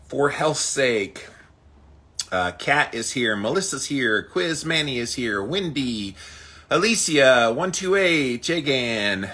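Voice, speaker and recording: Medium in pitch, bright and forceful, a man's voice leads a daily ice bath challenge livestream. He chats casually with viewers and greets them by name, sounding emphatic and punchy.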